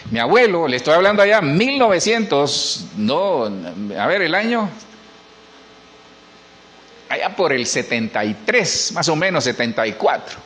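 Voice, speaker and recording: A man's voice: a little high, sing-song, measured pace, fairly bright tone, slight background noise. A middle-aged man, a pastor preaching a sermon in church and asking the congregation questions. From Honduras.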